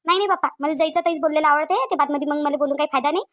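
A woman's voice: high-pitched, rapid-fire, a bit bright, dry recording. A woman voicing a stubborn, quarrelsome middle-aged village mother in a cartoon, with a Varhadi Marathi accent, defiant and repeating herself. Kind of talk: cartoon voice acting.

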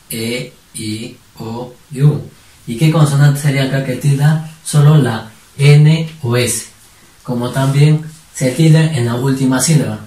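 A man's voice: medium pitch, a little mellow. Man teaching from far off in a roomy space. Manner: asks questions and answers them himself; drills words syllable by syllable. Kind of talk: online spelling lesson. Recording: roomy sound from a distant mic.

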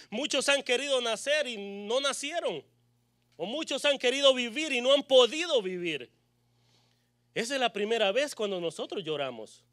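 A male pastor preaching with emphatic force, throwing out rhetorical questions to the congregation. His voice sits very high for a man and rings bright and sharp. The sound is close and dry, with no room echo. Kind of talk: sermon.

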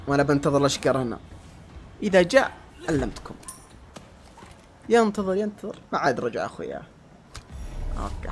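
A man giving let's-play commentary, yelling insults at enemies and then dropping to low muttering. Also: a little hiss or hum. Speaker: gamer.

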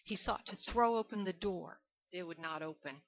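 A woman reading a short story aloud in a measured, steady way. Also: lowish voice, gravelly, a little hiss or hum. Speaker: reader. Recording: dull lo-fi recording.

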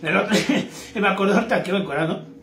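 A man's voice: high-pitched, very fast, fairly bright tone, echoey room, slight background noise. A man with a Mexican accent telling crude jokes on a live stream, chatting with viewers in slang.

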